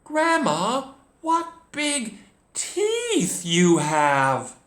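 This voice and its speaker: Male storyteller as little storybook girl, high-pitched, singsong, energetic, innocent, echoey room. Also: drawn-out words, exaggerated voice. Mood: amazed. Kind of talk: children's storybook readers theater.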